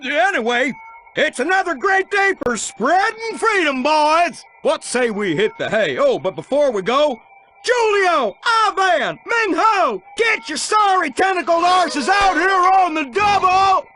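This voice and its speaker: A man's voice: very high voice, very animated, a little slow, bright, forceful tone, slight background noise, full character voice. A man voicing a pompous, jingoistic American military space commander in a satirical cartoon, barking folksy orders. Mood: rallying.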